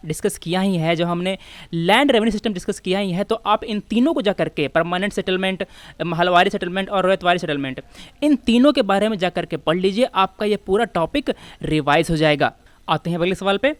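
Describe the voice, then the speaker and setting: A woman with an Indian accent teaches an exam prep lesson, walking through exam questions and switching between Hindi and English. Her didactic style has her frequently asking questions and answering them herself, in a medium-pitched voice that's a little fast, with no room sound.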